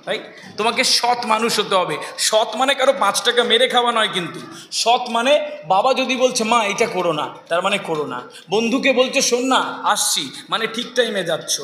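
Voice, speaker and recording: A man giving a lively motivational speech to students, asking rhetorical questions and mixing in English phrases. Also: high-pitched, slight background noise. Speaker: motivational speaker. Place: stage in a hall. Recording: echoey hall with faint ambience.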